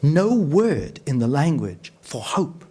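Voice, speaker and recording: A man giving a storytelling lecture as a radio journalist, acting out dialogue vividly and slowing to a low voice for emphasis. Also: sing-song, dark tone, slightly rough. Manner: vivid, acts out dialogue with shifting pitch; slows down and drops low for emphasis. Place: lecture hall.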